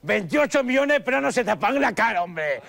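A man's voice: very high voice, sing-song, brisk, vocal fry, crowd noise, full character voice. A man doing a brash football coach. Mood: mocking, brash. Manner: boastful, insulting, shouting at players. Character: brash foul-mouthed Spanish-accented male football coach. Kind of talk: sketch comedy press conference. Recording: studio audience laughing.

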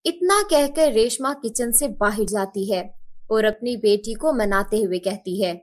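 A woman giving scripted narration for a cartoon story in a steady, expressive way. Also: on the high side, a little slow.

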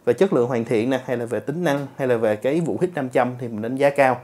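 Brief: male tech vlogger, quick and chatty, mid-pitched. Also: a little mellow. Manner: chatty, addresses viewers directly with filler particles. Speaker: tech reviewer. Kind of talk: casual product review.

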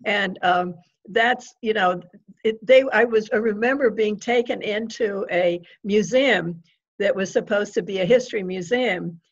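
An older woman talking as a guest author in a conversational interview, eager and quick to agree as she reminisces. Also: mid-range voice, muffled recording.

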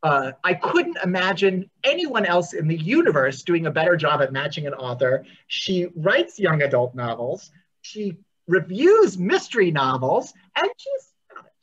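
A bookstore host introducing a virtual event over a video call, halting and full of fillers. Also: medium pitch, big pitch swings, fairly bright tone, muffled recording.

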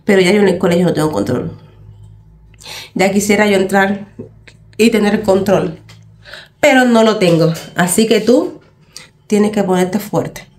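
A woman's voice: medium pitch, unhurried, long pauses, darkish tone, slight background noise. A woman in her thirties with a Cuban Spanish accent, talking casually to her vlog viewers in an emphatic way, repeating phrases for stress. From Cuba. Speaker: vlogger mother.

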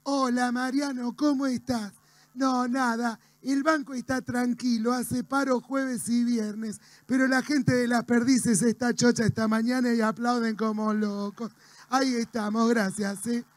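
Man doing a flat, quiet field reporter. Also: extremely high pitch, unhurried, dry recording, pitched above the performer's own voice. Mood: calm. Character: calm field reporter outside a bank.

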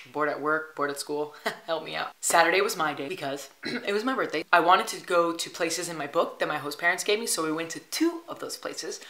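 Woman, 20s, casual vlog, chatty, upbeat, low voice, echoey room. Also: sharp tone. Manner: chatty and upbeat, heavy use of "like". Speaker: travel vlogger.

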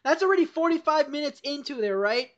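A woman's voice: high voice, animated, fast. A young adult woman hosting a casual podcast over a voice call, telling a rambling, profane story with lots of laughter. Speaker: podcast host. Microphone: voice call headset or computer mic. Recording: dull lo-fi voice call.

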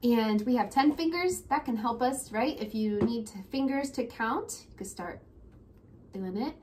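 With a slightly high, darkish voice and a measured pace, a woman in her thirties hosts a casual children's lesson, encouraging young listeners and prompting them with questions. It takes place indoors in a small room at home, where the room ambience is noisy.

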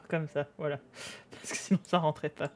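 A woman's voice: low-pitched, steady tone, moderate pace, a little mellow. A young woman streamer chatting casually to her viewers while drawing, laughing often and muttering to herself.

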